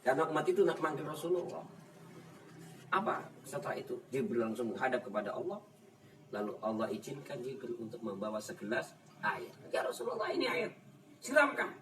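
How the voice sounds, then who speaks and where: A man's voice: mid-range voice, a little fast. A man with a Javanese accent giving an informal religious lesson, acting out dialogue and laughing often. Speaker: ustaz teaching a kitab study. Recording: distant mic with room noise.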